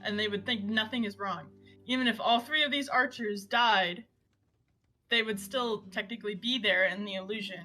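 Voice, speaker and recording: A woman at a tabletop game explains how her plan will work, eager and groping for words. Her voice is bright at a middling pitch. Faint guitar music plays behind her. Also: normal speed. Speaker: player. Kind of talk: casual tabletop game chat.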